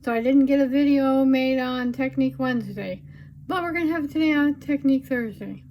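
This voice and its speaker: Woman doing a casual craft tutorial, no teeth in so a bit mushy and slurred, voice on the higher side, homely rambling talk. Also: a little fast, lo-fi sound, a little hiss or hum. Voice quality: toothless, slightly slurred articulation. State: recovering from surgery affecting her speech.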